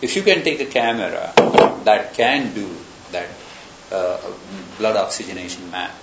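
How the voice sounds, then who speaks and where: A man lectures to a class in a fairly low, fairly bright voice with lively intonation and a moderate pace, thinking aloud as he works through example after example. The lecture room recording is echoey, a little muffled, and faintly hissy.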